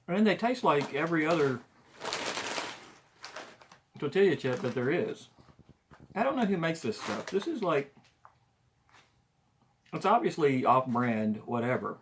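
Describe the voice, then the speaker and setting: A man's voice: a little high, big pitch swings, a little slow, pauses often. A man chatting casually in a taste-test vlog, offhand and noncommittal, as he snacks on crunchy chips. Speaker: food reviewer. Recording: noticeable background noise.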